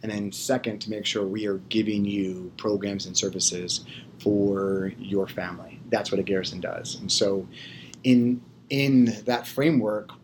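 A man's voice: on the low side, fairly even intonation, unhurried, a little mellow, a little hiss or hum. A man from Maryland, an army garrison commander, earnestly explaining points in a roundtable discussion.

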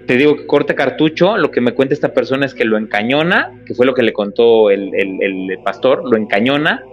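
A man with a Mexican accent, a radio host telling an anecdote in casual, animated chat. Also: mid-range voice, a little fast, soft background music. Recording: slightly muffled radio recording.

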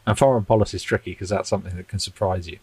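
A man chats on a political podcast in a low, rambling voice. He is self-deprecating and chuckles often. The sound is dry and close, with no room around him. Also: fairly even intonation, very fast, husky, no room sound, low-quality recording. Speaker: podcast co-host. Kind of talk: casual political chat.

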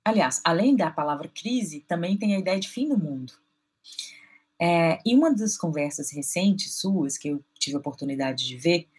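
Low, breathy woman host. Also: a little mellow. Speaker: podcast host. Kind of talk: interview questions.

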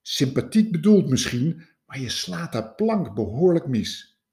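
A man voicing an angry, shrill queen who has lost her diadem and snaps at people. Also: big pitch swings, measured pace, warm tone. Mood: curt. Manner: shrieking, curt.

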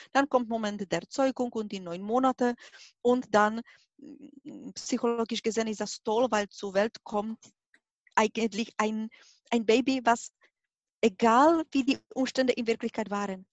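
A middle-aged woman from the Czech Republic with a Czech accent, working as a hypnosis and regression therapist, recounts a personal experience as an interview guest. She speaks with a high-ish voice and emphasis, pausing to find her words. There's no room sound, and the high frequencies are cut off.

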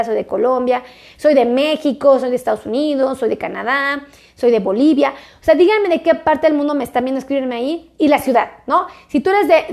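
A woman doctor who makes health videos speaks casually straight to the camera, chatting with her viewers in a repetitive, coaxing way. Her voice sits high with a somewhat dark tone.

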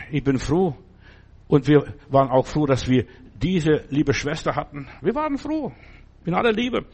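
A man's voice: medium pitch, darkish tone, slightly rough. A man giving an informal sermon in a conversational way, often repeating himself and restarting his phrases. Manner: conversational, repetitive, many restarts and asides. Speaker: preacher.

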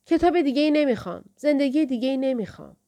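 A woman's voice: sits high, animated, warm tone, pitched above the performer's own voice. A woman narrator voicing a distressed young woman who speaks in a pleading, insistent way. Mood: upset.

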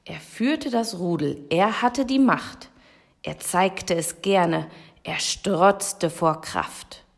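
A young woman reading a rhyming children's book aloud, gentle and expressive, sometimes dropping to a whisper. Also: lowish voice, vocal fry. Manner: slow, gentle and expressive, with soft whispered passages. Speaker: storybook reader.

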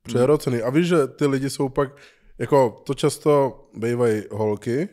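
A man's voice: mid-range voice, a little mellow. A man co-hosting a casual podcast chat, asking questions and making blunt, chatty remarks.

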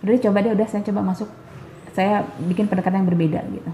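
A middle-aged woman speaks quickly in a mellow, darker tone, telling her stories with lively animation. The recording sits in an echoey room with faint ambient noise behind her. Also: medium pitch. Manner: lively storyteller, animated explaining. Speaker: kindergarten educator, guest. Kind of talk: casual podcast conversation.

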